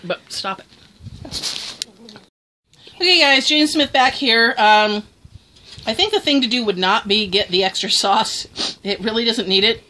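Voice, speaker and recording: A woman's voice: a little high, moderate pace, sharp tone, a little hiss or hum. A woman chatting casually through a food review, exclaiming as she tastes.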